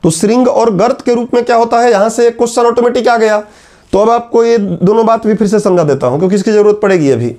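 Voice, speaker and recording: A teacher with a very high, slightly mellow voice gives a classroom lecture. He poses questions to his students and answers them himself, slowing down to repeat the key terms.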